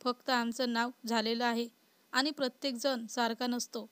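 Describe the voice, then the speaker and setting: Woman doing a chatty outspoken young girl in a story, higher voice, pretty flat. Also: moderate pace, clean tone, no room sound, natural voice. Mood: cheerful.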